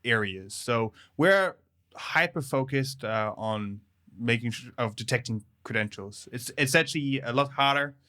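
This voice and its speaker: Speaking a little slowly, this New Zealand developer advocate chats as a guest on a relaxed podcast, his mid-range voice sounding bright. He laughs readily, stays friendly, and often fills gaps or starts sentences over.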